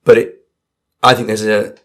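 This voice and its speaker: A man's voice: fairly low pitch, flat delivery, moderate pace. A man hosting a podcast, talking in a reflective, easygoing way with lots of loose fillers. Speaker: podcast host. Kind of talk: casual interview chat.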